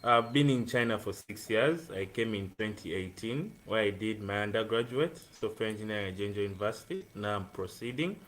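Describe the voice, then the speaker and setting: Low-pitched yet fairly bright, this young Ugandan man talks animatedly and briskly, barely pausing. A student in his twenties, he's a guest on a live-streamed video call, speaking earnestly about his life in a casual interview with plenty of ums.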